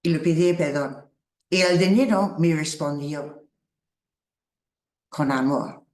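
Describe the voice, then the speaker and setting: Reflective and halting, with small laughs, a woman teacher speaks slowly in Spanish during a spiritual workshop. Her voice is deep and a little mellow, carried on a roomy echo.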